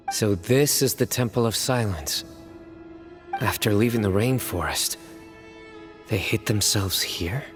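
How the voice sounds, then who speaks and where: An actor playing a serious, wary, stoic guardian in an anime-style game, speaking in a measured, reserved and stern way. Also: male voice, fairly low pitch. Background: background music.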